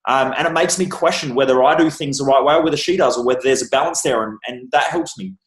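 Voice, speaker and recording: A man's voice: medium pitch, quick pace, reverberant, rough recording. A man in a casual podcast interview, talking bluntly and emphatically as a success coach, swearing freely. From Australia. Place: room with a bookshelf.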